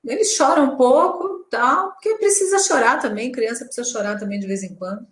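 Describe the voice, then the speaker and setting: Woman, mother, chatty earnest parenting talk, slightly high pitch, echoey. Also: fairly quick. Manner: chatty, earnest, with many fillers. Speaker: co-host and mother.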